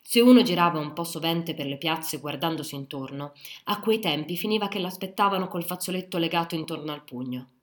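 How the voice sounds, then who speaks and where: A woman narrating a literary novel in a calm, measured audiobook reading. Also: low-pitched. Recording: roomy echo.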